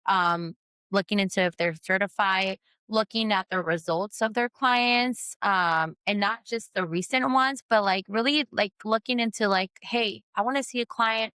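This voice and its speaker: A woman's voice: measured pace, clean tone, no echo. Candid woman talking shop, dry close mic. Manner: candid, conversational, many fillers and restarts; acts out quoted voices with sharp pitch jumps. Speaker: post-op massage therapist, guest. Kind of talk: casual interview conversation.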